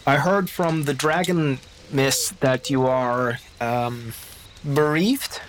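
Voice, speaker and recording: A man voicing a kindly, devout male traveler who speaks slow, halting English and searches for his words. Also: mid-range voice, a little hiss or hum, natural voice. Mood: gentle.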